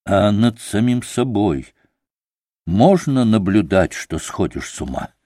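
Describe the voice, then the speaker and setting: Man voicing a scornful feverish young man, curt, sardonic, lowish voice. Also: expressive, slow pace, dark tone, dry recording, clean studio sound. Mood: bitter.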